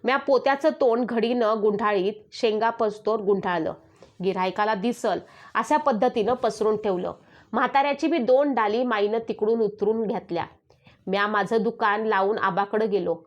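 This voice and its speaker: A woman's voice: medium pitch, normal speed. A woman reading a rural story aloud, voicing the villagers' calls and dialect as she narrates. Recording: dull lo-fi recording.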